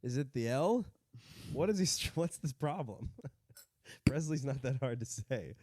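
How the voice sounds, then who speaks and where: A man's voice: medium pitch, animated, a little slow, a little mellow, husky, no room sound, clean studio sound. A man co-hosting a podcast in casual chat, chiming in with jokes and quips. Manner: joking, chimes in with quips. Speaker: podcast co-host.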